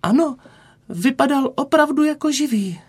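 A woman's voice: high voice, animated, pitched above the performer's own voice. A woman voicing a tiny, timid male elf in a children's story. He speaks earnestly and a little fearfully.

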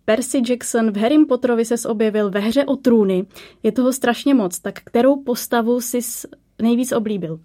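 A woman's voice: a little high, mellow. A woman hosting an interview in a chatty, joking manner. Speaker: host. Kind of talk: interview chat.

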